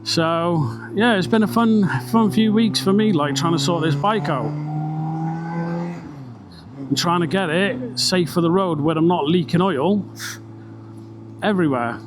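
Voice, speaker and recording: British man talking inside a helmet, engine noise. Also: fairly high pitch. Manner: chatty, rambling, swearing. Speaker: vlogger. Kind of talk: casual ride-along motorbike vlog chat. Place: outdoors, riding a motorbike on country roads. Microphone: microphone inside a helmet. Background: motorbike engine and road noise.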